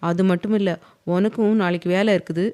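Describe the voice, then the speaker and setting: A woman's voice: on the low side, steady tone, a little fast, mellow, close to an everyday voice. A woman voicing a stern, teasing, possessive young husband in an audio novel, reading his lines firmly. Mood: firm, tender.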